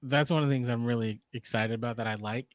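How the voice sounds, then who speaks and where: A man's voice: mid-range voice, fairly even intonation, no echo, clean studio sound. A man co-hosting a podcast, chatting casually about an episode, often restarting his sentences. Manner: halting, with frequent restarts and um's. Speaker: podcast co-host. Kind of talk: casual review chat.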